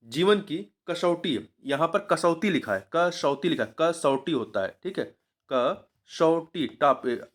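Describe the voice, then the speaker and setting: A man with a slightly raised pitch teaches like an exam coach, working through a grammar test paper question by question. He talks patiently, repeating each answer and spelling words out syllable by syllable.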